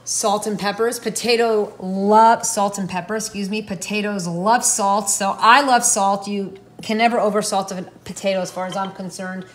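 A woman's voice: mid-range voice, steady tone, moderate pace, few pauses, far from the mic. A woman in her thirties giving a chatty, instructive home cooking demonstration as a guest chef in her kitchen, talking while she works. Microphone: camera across the kitchen. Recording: echoey kitchen, voice from off-mic, faint noise.

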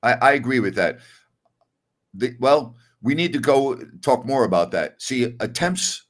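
A man's voice: medium pitch, lively intonation, measured pace. An older man hosting a postgame basketball talk show over a video call, emphatic and opinionated, repeating his key words. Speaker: sports talk host.

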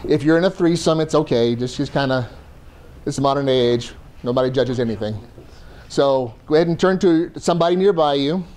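A man's voice: a little high, brisk, darkish tone. A man teaching a first aid class to a room, conversational and joking as he explains. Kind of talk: classroom lecture.

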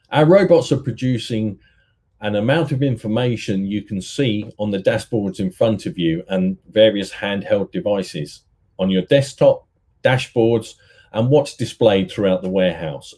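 A middle-aged man giving a steady, rehearsed sales presentation at an online conference, talking to his webcam from an indoor room. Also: fairly low pitch, slightly rough. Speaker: business development manager.

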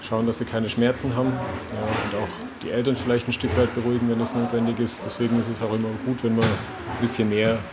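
A man in his thirties, a trauma surgeon in a hospital ward, calmly explaining findings and treatment to patients and camera. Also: mid-range voice, fairly quick, heavy background noise. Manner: calm, matter-of-fact, reassuring.

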